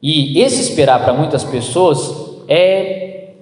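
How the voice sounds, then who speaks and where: A man preaching a sermon as pastor, animated, acting out little dialogues in playful voices. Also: a little high, takes it slowly. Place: church. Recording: echoey church hall.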